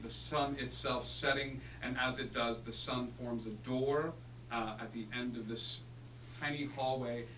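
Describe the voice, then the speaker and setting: Man, game master, theatrical pauses, roomy distant sound, clear background hum. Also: medium pitch. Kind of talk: narrating a tabletop fantasy game. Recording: echoey room, distant mic, humming noise.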